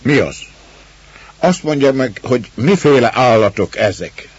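A man's voice: medium pitch, lively intonation, husky, no room sound, voice pushed up. A man voicing a bold, blunt young peasant girl from the mountains, on a dull lo-fi recording. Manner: blunt and plain-spoken.

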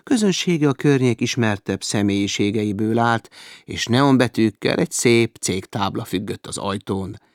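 A man reading a humorous adventure novel aloud with lively, varied emphasis. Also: lowish voice, no echo, studio quality. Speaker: audiobook narrator.

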